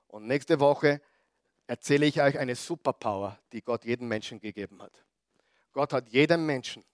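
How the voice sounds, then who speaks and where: A man preaching a sermon, throwing rhetorical questions at the congregation and swinging between loud emphatic bursts and quiet asides. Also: medium pitch, no room sound, studio quality. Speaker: pastor.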